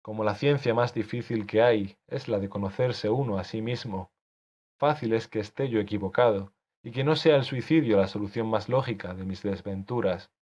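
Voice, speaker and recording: Man doing a husky, low-voiced anxious young man in an audiobook, pleading and agitated; dull lo-fi recording. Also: moderate pace, a little mellow, lightly acted. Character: anxious young man defying his author.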